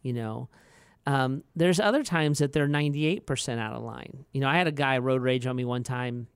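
A middle-aged man co-hosting a podcast, chatting casually and telling animated stories with frequent restarts. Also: medium pitch, moderate pace, smooth, no echo. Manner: animated storyteller who acts out quoted voices; frequent restarts and filler words. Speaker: podcast co-host.

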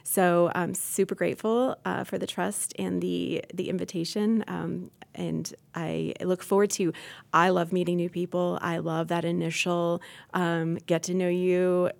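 A woman in her thirties, a podcast guest, talking earnestly and thoughtfully on a faith podcast, pausing and restarting as she thinks. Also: lowish voice, level tone, vocal fry. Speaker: podcast guest, incoming host.

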